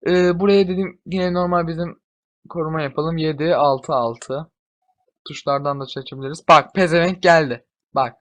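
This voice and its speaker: Excitable young man commenting on gameplay. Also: a little high, normal speed, lo-fi sound. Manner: excitable, swears and shouts at units. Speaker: gamer.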